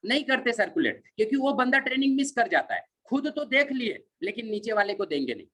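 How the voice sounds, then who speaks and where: A man's voice: very high voice, very animated, brisk, a bit bright. A man giving a motivational training talk on network marketing, driving each point home by repeating it and mixing in short English phrases. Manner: emphatic, repeats each point several times.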